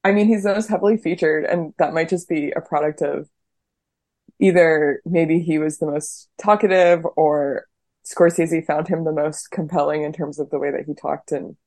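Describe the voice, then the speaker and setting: A woman's voice: sits low, fairly even intonation, moderate pace, darkish tone, no room sound, clean studio sound. A woman guest on a podcast, talking casually and thoughtfully, hesitating often and saying "like" a lot. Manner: thoughtful, hesitant, heavy use of "like". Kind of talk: casual chat.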